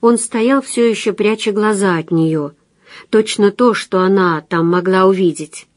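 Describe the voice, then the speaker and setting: A woman narrating a romantic story in a calm, measured storytelling manner. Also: mid-range voice, dry recording, studio quality. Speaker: audiobook narrator. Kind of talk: scripted narration.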